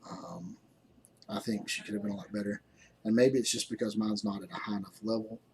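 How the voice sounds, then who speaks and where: A man with a fairly low voice talks through a mobile game as a YouTuber, tired and rambling, pausing on ums and restarting sentences. A faint room hum sits behind him. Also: animated, gravelly. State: tired, yawning. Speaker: gaming YouTuber. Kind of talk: casual game commentary.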